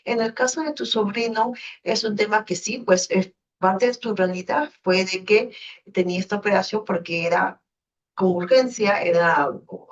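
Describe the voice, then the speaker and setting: A woman counsels a student in an online class, her tone calm and reassuring, with pauses between her thoughts. Her voice sounds set back from the microphone and comes through dull and muffled. She speaks at an average pitch for a woman. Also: recorded from a distance. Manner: gentle, reassuring advice with frequent pauses. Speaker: teacher.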